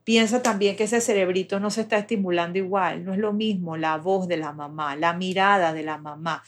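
A woman's voice: fairly low pitch, fairly even intonation, fairly quick, slight background noise. A woman explaining child development step by step in a patient, conversational way.

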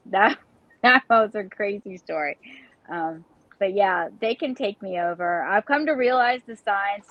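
A woman's voice: medium pitch, no room sound. A woman, a paranormal investigator chatting bluntly about her experiences as a medium. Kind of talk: casual storytelling. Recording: dull, dry audio.

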